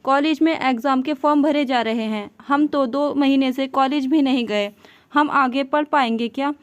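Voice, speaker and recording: A shy, innocent young bride who speaks timidly, like a child, as a woman narrator reads her. The voice is high, near the reader's natural tone. It is a storybook reading with only a light touch of character. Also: normal speed, dull audio, natural voice.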